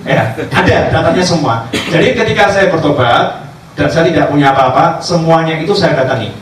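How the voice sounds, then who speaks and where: Guy preaching at a cafe gathering, acts out the dialogue, kinda high voice, echoey and far from the mic. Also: normal speed. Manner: animated storyteller acting out dialogue. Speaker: religious teacher. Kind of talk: sermon storytelling. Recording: echoey distant room recording, faint background noise.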